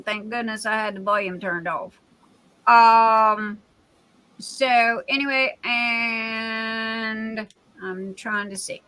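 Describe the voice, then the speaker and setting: A woman in her sixties chats casually on a livestream from her home, rambling from one thought to the next. Her voice sits a little high and sounds bright and sharp. She talks slowly and takes her time. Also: clean tone, low-quality recording. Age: 60s. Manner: chatty and rambling, often drifting off topic. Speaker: livestream host and craft shop owner.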